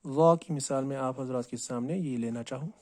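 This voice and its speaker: A man teaching Quran recitation. He asks and answers his own questions and repeats words slowly, drawing out each sound to show how to say it. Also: medium pitch, darkish tone, dry recording. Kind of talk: tajweed lesson on letter pronunciation.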